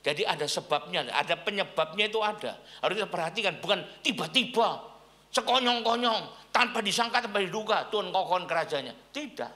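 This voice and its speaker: A man's voice: high-pitched, a little fast. A middle-aged man pastor preaching a sermon, telling stories and asking the congregation questions. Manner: animated storytelling preacher, asks the congregation questions.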